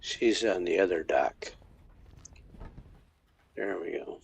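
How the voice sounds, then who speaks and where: A man's voice: low voice, takes it slowly, gravelly, slight background noise. A man casually commenting on his gameplay as a streamer, thinking aloud with frequent restarts. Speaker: game streamer.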